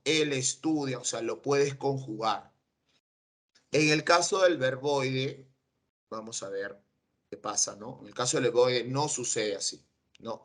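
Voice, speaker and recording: Slow, bright-voiced male teacher. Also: mid-range voice. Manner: patient, keeps checking understanding with "¿ya?" and "¿no?". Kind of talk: online class lecture.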